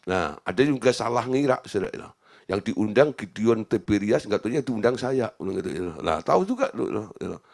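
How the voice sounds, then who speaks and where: A male preacher delivers a sermon as a lively anecdote. His voice climbs and dips all over the place, and he keeps breaking into chuckles between casual fillers. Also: on the low side, normal speed, creaky. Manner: animated, chuckling storyteller, "gitu loh" filler. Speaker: pastor. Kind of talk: sermon storytelling.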